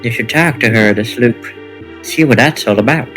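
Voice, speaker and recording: A man voicing a calm, cryptic guide figure while reading game dialogue aloud, in a measured way. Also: medium pitch, faint music behind, natural voice. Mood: calm, guiding. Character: mysterious helpful guide Loop, calm and cryptic.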